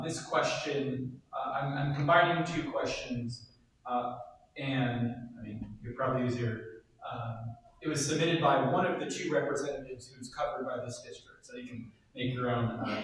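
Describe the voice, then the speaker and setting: A man moderating a candidate forum, informal and halting as he reads out questions. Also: medium pitch, distant mic. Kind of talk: moderating a panel. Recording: echoey hall from afar, faint noise.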